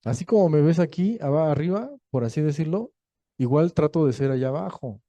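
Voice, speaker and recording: A male pastor, preaching a sermon in a lively, joking storytelling manner. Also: a little high, brisk, dry recording, muffled recording. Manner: lively storytelling, acting out quoted voices; jokey, laughs between points.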